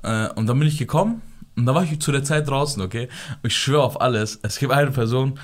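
A young man in casual chat, telling a childhood story quickly in slangy speech and acting out what people said. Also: medium pitch. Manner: fast storytelling, slangy, acts out quotes.

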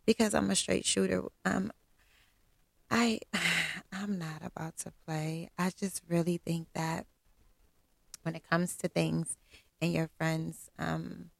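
A middle-aged woman with a low, strongly gravelly voice full of fry tells a personal story straight to camera. She talks bluntly and with self-assurance, often stopping on a filler "um". The sound is close and dry. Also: fairly even intonation, slow, pauses often, no room sound. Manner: blunt, candid, self-assured straight talk with frequent ums.

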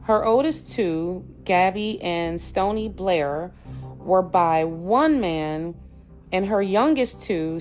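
A woman's voice: fairly low pitch, a little mellow. An American woman hosting a podcast, narrating true crime in a grave storytelling manner with blunt personal asides. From Detroit, United States. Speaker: podcast host.

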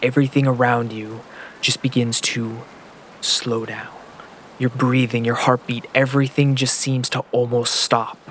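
A man narrates as game master of a tabletop game, speaking in the second person. His voice sits in a middle pitch, and he builds suspense by repeating words and phrases. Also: little pitch movement, unhurried, a bit bright, a little hiss or hum. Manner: descriptive, builds suspense with repetition.

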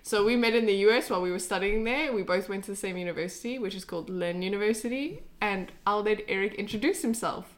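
A woman's voice: medium pitch, fast, hardly any pauses. A young woman from South Africa hosting a casual podcast, chatty and upbeat, asking her guest questions. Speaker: podcast host.

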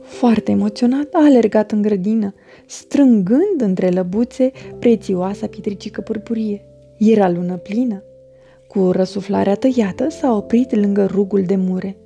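A woman narrating a children's storybook with a gentle, expressive reading. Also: medium pitch, creaky, faint music behind.

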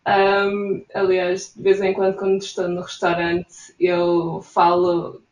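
A young woman from Portugal with a European Portuguese accent, chatting easily through interview answers and laughing softly now and then. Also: on the low side, completely flat delivery, takes it slowly, muffled recording. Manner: chatty, frequent soft laughs. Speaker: interviewee, immigrant in Sweden. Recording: roomy echo.

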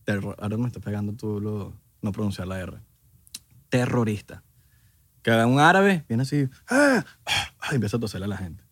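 A man's voice: lowish voice, fairly quick, dry recording. A man co-hosting a podcast in casual, slangy, joking banter. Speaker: podcast co-host. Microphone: studio podcast mic.

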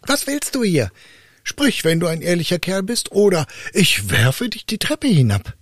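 A naive, fearless young lad from a fairy tale, voiced by a male storyteller, bold and earnest with a voice lifted high above the reader's own. The tone is husky and dry, close to the mic. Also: wildly swooping pitch, unhurried, no room sound, full character voice. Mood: challenging.

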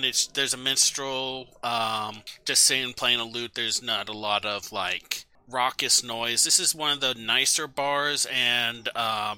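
A man's voice: medium pitch, sharp tone, clear, resonant tone. A man narrating a tabletop game as game master, rambling through descriptions with many fillers.

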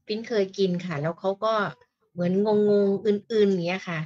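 A woman's voice: on the low side, steady tone, a little fast, a little mellow, lo-fi sound. A woman who is a parent, telling her story in a casual, chatty way with lots of fillers. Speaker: parent guest. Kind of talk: casual chat.

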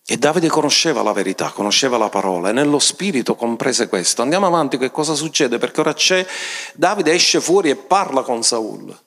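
A man preaching a sermon, retelling scripture and stressing points by raising his voice. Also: a bit bright. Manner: emphatic, often rising in pitch for stress; storytelling, retells scripture with commentary.

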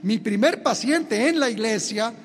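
A man preaching a sermon as a minister, building his delivery into impassioned shouts. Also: very high voice, animated, a little slow, soft background music. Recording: long hall reverb, faint background noise.

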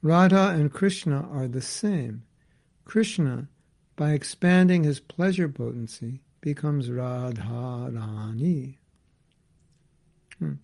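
A man's voice: fairly high pitch, lively intonation, measured pace, vocal fry, a little mellow. A man teaching a scripture class, reading passages aloud and explaining them in casual asides. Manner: reads a passage then comments in casual asides.

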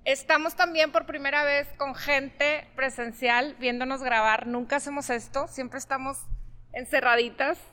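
A woman's voice: sits high, steady tone, moderate pace, pushed and bright. A woman with a Mexican accent hosting a podcast, upbeat and welcoming. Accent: Mexican Spanish. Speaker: podcast host. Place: store event space with live audience.

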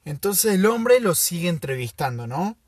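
A man who hosts a show and tells a story in a casual, unhurried way, pausing often to think. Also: sits high, sing-song, slightly rough, no room sound. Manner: slow, thoughtful, with pauses and fillers. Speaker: podcast host.

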